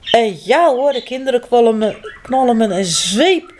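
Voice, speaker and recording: A woman reads a children's story aloud, gentle and expressive. She speaks slowly, in a high voice that swings widely. Faint noise sits behind her.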